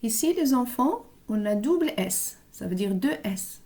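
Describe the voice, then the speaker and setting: A woman teaching a reading lesson to young children, sounding out letters and syllables slowly and deliberately. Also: fairly high pitch, big pitch swings, warm tone. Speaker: primary school teacher.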